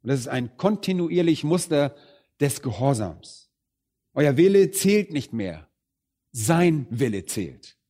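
A man preaching a sermon, addressing the congregation directly. He stresses some phrases loudly and drops others low and quiet. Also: big pitch swings, takes it slowly. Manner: emphatic, swings between loud stresses and quiet low phrases.

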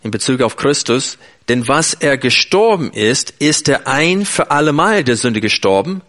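A man's voice: mid-range voice, lively intonation, normal speed, fairly bright tone. A man preaching an earnest, emphatic sermon in German, speaking directly to his listeners.

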